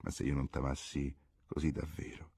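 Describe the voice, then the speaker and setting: A shy, lovestruck young student, as a male reader plays him in an audiobook, soft and tender. The voice is husky, low and gently gravelly. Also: animated, normal speed, dry recording, heavily acted.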